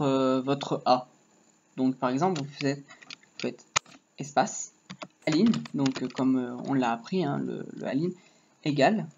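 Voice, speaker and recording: Man, unhurried coding tutorial, slightly high voice, dull lo-fi mic, faint hiss, keyboard clicks. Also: vocal fry, a little mellow. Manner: rambling, joking asides, talks while typing. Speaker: HTML tutorial teacher. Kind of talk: casual screen-recorded coding lesson. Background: keyboard typing.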